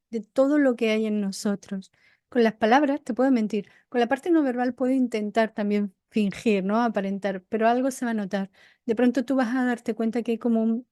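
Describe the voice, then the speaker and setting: A woman teaching an online coaching course as its instructor, explaining in a didactic way and listing items in short, measured phrases. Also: on the high side, warm tone, dry recording. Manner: acts out example tones of voice.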